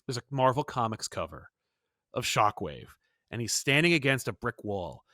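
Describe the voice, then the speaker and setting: A man co-hosting a pop culture podcast, talking in a casual, playful and animated way. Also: mid-range voice, moderate pace, no echo, clean studio sound. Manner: animated, playful, puts on silly voices in quotes. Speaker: podcast co-host. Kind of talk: casual chat.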